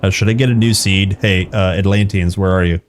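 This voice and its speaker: A man's voice: low voice, steady tone, fairly quick, a little hiss or hum. A man streaming a video game, chatting casually, laughing often and telling jokey family stories. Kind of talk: casual gameplay commentary.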